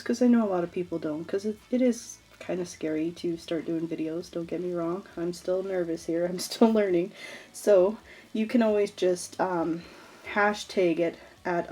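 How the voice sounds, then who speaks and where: Congested from allergies, this woman sounds stuffed-up and nasal as she rambles through a casual scrapbooking tutorial for her vlog. Her lowish voice has a warm tone, and she fills the chat with fillers and small laughs.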